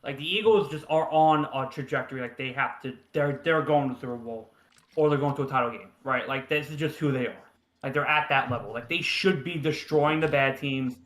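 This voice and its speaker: A man's voice: medium pitch, a little fast, a bit bright. Man talking sports in a roomy room. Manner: stammering restarts, lots of "like" and "right?". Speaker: sports podcast co-host. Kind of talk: casual sports talk.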